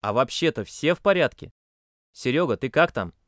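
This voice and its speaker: A man's voice: medium pitch, lively intonation, normal speed, fairly bright tone, dry recording, clean studio sound, lightly acted. A man voicing a bossy boy who gives curt, demanding orders. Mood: brusque. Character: bossy commanding boy leader.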